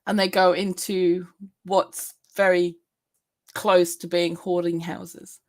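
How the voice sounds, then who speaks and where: A woman's voice: on the low side, little pitch movement, takes it slowly. A woman hosting a casual live stream, chatting in a rambling way, laughing often and answering viewer comments.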